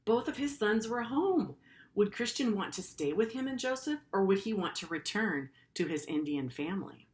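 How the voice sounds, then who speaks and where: With a medium-pitched, expressive voice at a moderate pace, a middle-aged woman teacher earnestly reads a story to her pupils and offers plain, informal explanations as she goes.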